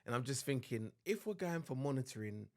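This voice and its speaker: A young adult man co-hosting a podcast, recounting events in relaxed casual chat. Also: medium pitch, brisk. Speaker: podcast co-host.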